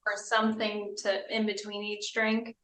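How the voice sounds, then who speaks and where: A woman's voice: medium pitch, little pitch movement, measured pace, fairly bright tone, slight background noise. A woman in a casual, conversational chat. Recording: roomy echo, distant from mic.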